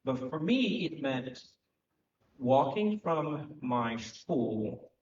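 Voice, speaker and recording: A man, speaking earnestly and reflectively on a conference panel, pausing often with fillers. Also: medium pitch, sing-song, a little mellow, slight background noise. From Haiti. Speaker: panel speaker, economic development director. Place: conference hall at a live event. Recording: echoey, distant, muffled hall recording.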